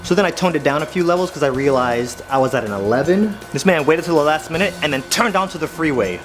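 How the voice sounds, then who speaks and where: A man telling comedic stories in an animated, exaggerated way, speaking straight to the viewers. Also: a little high, fast talker, faint music behind. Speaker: comedian storyteller. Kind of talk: comedic storytelling monologue.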